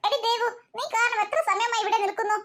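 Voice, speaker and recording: A woman's voice: very high-pitched, level tone, fast, noisy background. A woman doing a snappy, teasing big-sister cartoon girl. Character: bossy teasing older sister, young girl. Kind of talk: cartoon voice acting.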